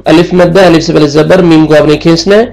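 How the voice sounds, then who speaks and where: A Quran tajweed teacher with a Pakistani Urdu accent gives a patient recitation lesson in a fairly high, gravelly, slightly mellow voice with a steady tone. He draws each verse out in slow chant, then explains the rules in quicker everyday speech, on a low-quality recording.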